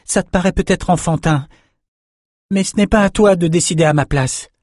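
A man's voice: sits high, moderate pace, a little mellow, dry recording, clean studio sound, pitched above the performer's own voice. A man voicing a troubled young man in an audiobook, defensive and strained. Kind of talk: audiobook character voice.

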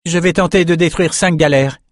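A man's voice: fairly high pitch, steady tone, moderate pace, no room sound, clean studio sound, pitched above the performer's own voice, natural voice. A man doing a curt, commanding battle sorceress. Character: bold, cold-blooded young woman battle magician.

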